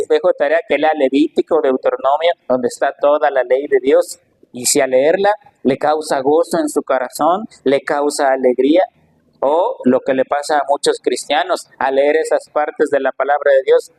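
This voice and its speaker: A male pastor preaching a sermon with emphatic delivery, slowing down to stress scripture and asking the congregation rhetorical questions. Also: mid-range voice, darkish tone, poor audio.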